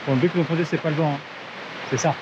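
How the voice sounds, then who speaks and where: Man, casual travel vlog, chatty with restarts, outdoor handheld camera mic, muffled sound, loud outdoor noise. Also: on the high side, fairly even intonation, rapid-fire. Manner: chatty, thinks aloud with many fillers and restarts. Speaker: travel vlogger. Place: outdoors in town streets and on a bridge. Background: outdoor ambience and wind.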